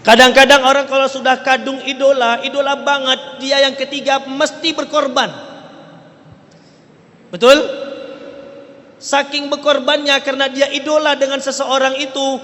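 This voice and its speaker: With a very high, bright, forceful voice, an Islamic preacher sermonizes in flat delivery at a moderate pace, pausing often. His Indonesian has a Riau Malay tinge, and he frequently asks the congregation rhetorical questions and checks in with them. The sound echoes with a large hall's long reverb.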